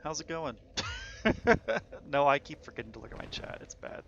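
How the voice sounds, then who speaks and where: A man with a forceful, bright voice and a heavy creak chats casually while streaming a game. He is playful and exclamatory, with a light layer of noise in the background. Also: a little high, moderate pace, lo-fi sound. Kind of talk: casual gaming chat.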